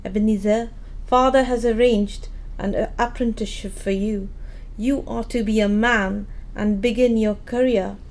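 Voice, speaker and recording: A woman's voice: mid-range voice, fairly even intonation, unhurried, darkish tone, natural voice, poor audio. A woman playing Fan, an affectionate and eager young sister, speaking earnestly in an audio play.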